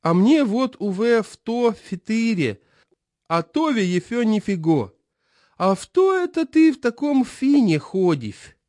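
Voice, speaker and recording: A decrepit old chairman, thin and high-pitched, mumbling every hissing sound into a lisp. He drags his words out slowly, his pitch wobbling up and down. The voice sits close and dry, with no room around it. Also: very animated, darkish tone, no room sound. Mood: approving. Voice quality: lisping, mumbling. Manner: slow, drawling. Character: decrepit, lisping, senile old male chairman.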